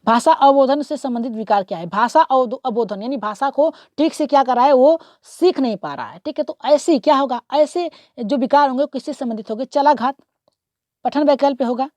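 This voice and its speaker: A woman's voice: sits high, lively intonation, fairly quick, darkish tone, no echo. A woman teaching an online exam-prep lesson, working through multiple-choice questions. She keeps asking rhetorical questions, repeats "okay" often and urges viewers to comment and subscribe.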